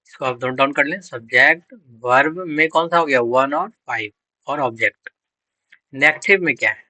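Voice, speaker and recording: A man's voice: medium pitch, pushed and bright, dry recording, low-quality recording. A man teaching English grammar for exam prep. He quizzes students, answers his own questions and spells out words letter by letter.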